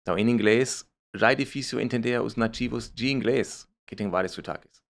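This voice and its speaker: A startup founder from Germany with a German accent answers questions in casual interview talk, hesitating, often repeating words, and mixing in English. His voice is medium-pitched and a little fast.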